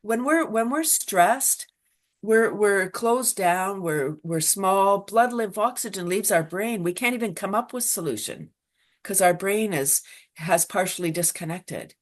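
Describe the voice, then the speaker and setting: A woman teaching laughter yoga in an interview, animated and quick to laugh, acting out little voices as she explains. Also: medium pitch. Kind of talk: enthusiastic interview talk.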